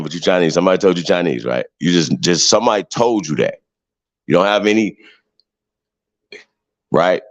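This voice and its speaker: A deep, gravelly-voiced man hosts a show, delivering a heated livestream monologue. He's emphatic and preachy, repeating himself and tagging lines with "right?" again and again.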